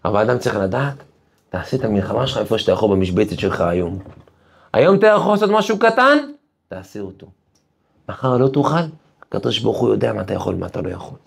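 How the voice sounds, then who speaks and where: A man's voice: fairly low pitch, gravelly, a little mellow, breathy edge. A man, a rabbi, giving an emphatic Torah lesson. He tells stories, asks his listeners rhetorical questions and builds to fervent peaks. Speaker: rabbi teaching a weekly class. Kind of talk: Torah lesson with sermon-like exhortation.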